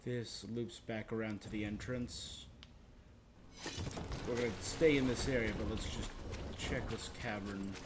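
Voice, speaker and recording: Guy casually talking through a game, loud ambient noise behind him. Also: lowish voice, fairly even intonation, a little slow, long pauses. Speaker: gameplay host. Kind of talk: casual gameplay commentary.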